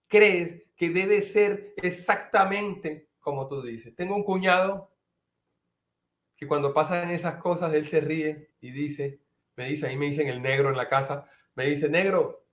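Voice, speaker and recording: A man's voice: a little high, a bit bright. A middle-aged man preaching a sermon as a pastor, earnest, sometimes acting out his listeners' objections. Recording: echoey room.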